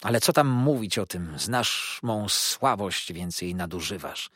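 A man's voice: on the low side, lively intonation, a little slow, fairly bright tone, no echo, clean studio sound. A man reading an audiobook, voicing a proud, wounded older aunt who speaks in a dignified, reproachful way.

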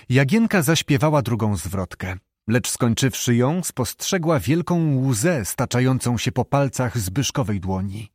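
A man reading a historical novel aloud as an expressive audiobook narrator. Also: mid-range voice, no echo, studio quality. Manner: expressive storytelling.

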